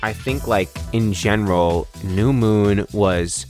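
A man's voice: on the low side, slow, darkish tone, faint music behind. A young man hosting a casual chat, talking dramatically, laughing often, and saying "like" a lot. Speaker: podcast host.

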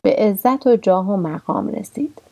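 A woman's voice: medium pitch, animated, mellow, natural voice. A woman reading the lines of a heartbroken aged woman who pleads sorrowfully, in a storybook telling. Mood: bitter.

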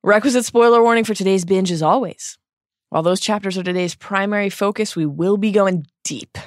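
A woman's voice: medium pitch, fairly quick, no room sound, clean studio sound. An American woman hosting a podcast, delivering a scripted intro and recap with playful banter and emphatic, dramatic flair. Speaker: podcast host and editor.

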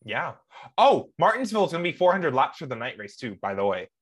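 A man's voice: on the high side, very animated, fast, husky. A young man co-hosting a casual podcast, rambling and gushing with frequent laughs. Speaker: podcast co-host.

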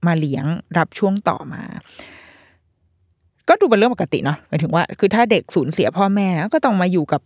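A woman in her thirties hosting a podcast, chatting casually in an animated, slangy way as she reviews a film. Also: on the low side, brisk, husky, dry recording, studio quality. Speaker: podcast host.

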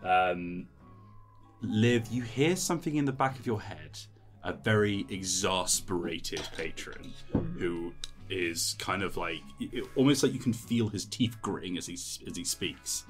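Male game master with a low voice and casual, filler-heavy narration. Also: a little slow, soft background music.

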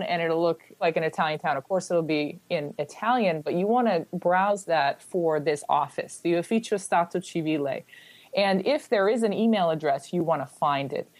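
A woman from the Boston area, an expert guest explaining how to research family records, often acting out quick quoted exchanges. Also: on the low side, no room sound. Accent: Boston-area American. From United States. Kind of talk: casual interview answers.

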